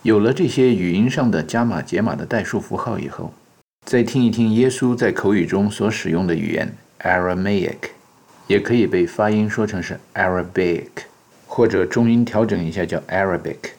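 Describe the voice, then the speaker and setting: A man's voice: on the low side, normal speed, darkish tone. A man narrating in a wry, mock-scholarly joking manner, as if giving a satirical lecture.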